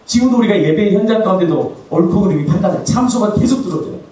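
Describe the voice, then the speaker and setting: A male pastor delivering a sermon, asking the congregation questions and answering them himself, swinging between soft low asides and raised exclamations. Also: expressive, quick pace. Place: church sanctuary. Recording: echoey, from far off the mic.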